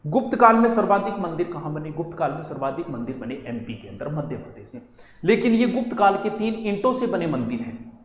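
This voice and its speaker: A man teaching an exam-prep lecture, animated, asking and answering his own questions. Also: sits high, muffled recording. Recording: echoey room with long reverb.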